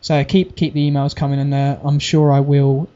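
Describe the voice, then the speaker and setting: A man's voice: medium pitch, level tone, moderate pace, warm tone. A young man co-hosting a podcast in casual, crude banter, laughing often. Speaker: podcast co-host. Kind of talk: casual chat. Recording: dull lo-fi podcast recording.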